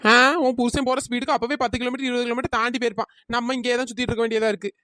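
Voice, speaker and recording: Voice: mid-range voice, flat delivery, very fast, a bit bright, dry recording, clean studio sound, close to an everyday voice. A performer voicing a grumbling woman friend in a cartoon, whiny and sarcastic. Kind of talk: cartoon comedy voice acting.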